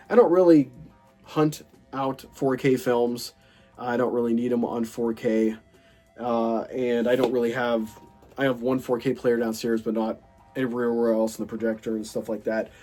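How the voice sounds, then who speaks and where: Soft music runs in the background as a man, nasal and congested from a cold, shows off his movie haul in a casual chat. He speaks at normal speed with a medium-pitched, darkish voice, rambling eagerly and full of fillers and restarts.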